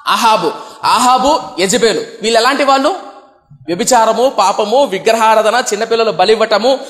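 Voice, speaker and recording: Young man preaching, high voice, questioning congregation, long hall reverb. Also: normal speed, a bit bright. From India. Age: young adult. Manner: asks the congregation rhetorical questions, acts out comic quotes. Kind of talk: sermon.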